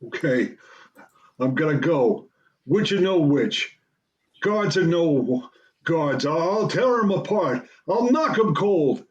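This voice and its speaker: Cowardly lion, radio play, whiny bluster, stammers, swoopy voice, slightly dull recording. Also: male voice, a little high, lively intonation, slow pace. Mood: blustering dread. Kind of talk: comic radio play acting.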